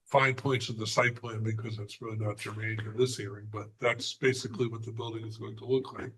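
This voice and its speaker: A man presenting a plan at a zoning hearing, hoarse and halting, with many fillers and frequent throat clearing. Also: fairly low pitch, level tone, a bit bright, poor audio. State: hoarse, losing his voice. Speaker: applicant's representative. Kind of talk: presenting at a remote board hearing.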